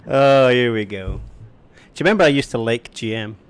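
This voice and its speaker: A man's voice: medium pitch, expressive, fairly quick, clean tone. A Scottish man hosting a live stream, asking questions casually and laughing along. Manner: easygoing, laughs often, short agreeing replies. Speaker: stream host. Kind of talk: casual interview chat.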